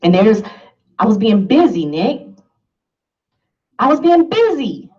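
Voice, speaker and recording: A motivational speaker with a slow, sing-song, mellow voice on the high side gives an emphatic talk to a live audience, laughing and asking listeners questions. She sounds far from the mic, and the recording is muffled.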